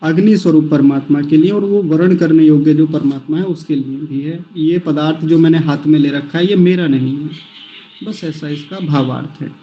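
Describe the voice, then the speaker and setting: A man teaching the pronunciation of a chant, breaking it into syllables and repeating each one slowly and carefully. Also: a little high, highs cut off. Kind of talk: patient recitation lesson.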